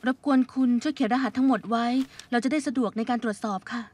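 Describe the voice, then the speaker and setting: A woman's voice: on the high side, fast, darkish tone, close to an everyday voice. A woman voicing a firm, polite assistant. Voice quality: polite, businesslike. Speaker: office assistant. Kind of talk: Thai drama dub.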